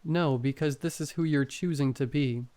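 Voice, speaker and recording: A man's voice: on the high side, normal speed, warm tone, natural voice. A man voicing a guarded young woman, a blunt and firm girlfriend, in horror story dialogue. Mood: curt refusal.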